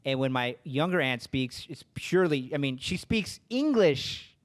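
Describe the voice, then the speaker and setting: A man's voice: mid-range voice, lively intonation, unhurried. A man hosting a podcast interview, talking in a rambling, hesitant way and repeating words. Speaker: podcast host.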